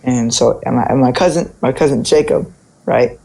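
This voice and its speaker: On a low-quality recording, a young man with a medium-pitched, dark voice and some vocal fry talks at normal speed. He's casually telling stories, informally checking in with "right?" and scattering "like" throughout.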